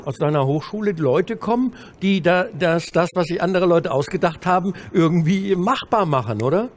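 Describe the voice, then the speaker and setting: A man moderating a panel discussion on a trade fair stage, asking questions and cutting in with quick, teasing remarks. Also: sits high, expressive. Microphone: handheld mic.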